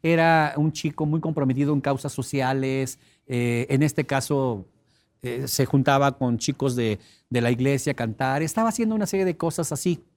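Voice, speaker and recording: A middle-aged man giving an expressive teleseminar talk, emphatic and repetitive, breaking into sudden loud cries to illustrate a point. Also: medium pitch, normal speed. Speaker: personal development teleseminar speaker.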